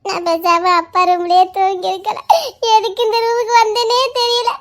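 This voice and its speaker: A woman's voice: very high voice, little pitch movement, moderate pace. A woman pleading and laughing in a casual couple chat, whining as she coaxes her husband to talk. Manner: pleading, laughs and whines while coaxing. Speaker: wife in a couple vlog.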